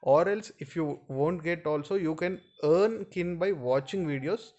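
Male video host, Indian accent, slightly high voice, informal instructional delivery that repeats points for viewers. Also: a little slow, darkish tone, dull audio. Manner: instructional, repetitive, addressing viewers often. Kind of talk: informal screen-share tutorial.

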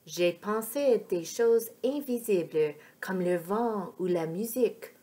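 A woman's voice: mid-range voice, animated, slow pace, warm tone. A woman reading a storybook aloud, voicing a confident older girl who patiently explains the world to a younger child. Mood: knowing. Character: confident, knowing big-sister girl who likes to explain.

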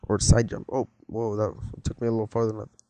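Quick and monotone, a teenage boy's mellow, lowish voice runs through relaxed, meandering commentary on the game he's playing. He gets spooked easily and cracks jokes for viewers, and the recording has no echo.

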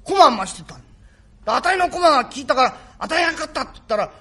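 A man's voice: very high voice, sing-song, fast talker, bright, forceful tone, voice pushed up, full character voice. A man voicing a young boy in a rakugo story, earnest and pleading, in old speech. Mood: telling, earnest. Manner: childlike, pleading, chatty.

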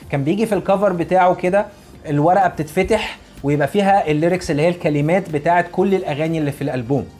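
Fast-talking Egyptian man giving advice. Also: fairly high pitch. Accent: Egyptian Arabic. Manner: earnest, repeats key points for emphasis. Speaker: English teacher and YouTuber. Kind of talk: casual motivational talk to camera.

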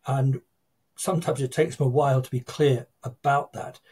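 An older man, a guest copywriter telling lively stories on a video call from his home office. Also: mid-range voice, moderate pace, breathy edge. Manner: lively storytelling, acts out quoted people. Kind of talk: casual interview chat. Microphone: video call webcam.

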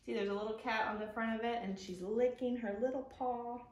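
With a fairly high voice, a thirty-something woman who works as a children's librarian presents and reads to young kids from her living room. Her delivery is expressive and simple, with key words drawn out, and the camera mic a few feet away picks up a roomy sound.

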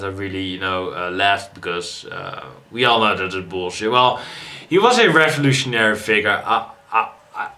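A man's voice: mid-range voice, pushed and bright. A tired man hosting a music reaction video, rambling casually with frequent restarts and swearing. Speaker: music reaction channel host.

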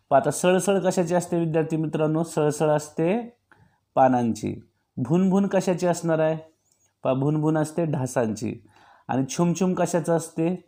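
A man's voice: medium pitch, mellow. A man teaching young pupils, going through each quiz option and patiently answering his own questions. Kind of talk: exam-practice lesson for young pupils.

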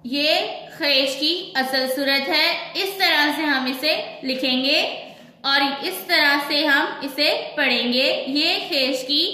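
A woman's voice: high voice, takes it slowly, pushed and bright, echoey room. A woman teaching a children's Urdu reading lesson, patiently spelling out each word letter by letter.

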